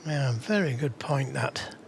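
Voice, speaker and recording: A man giving hushed, measured, analytical live snooker commentary as the co-commentator. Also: mid-range voice, lively intonation, vocal fry, heavy background noise.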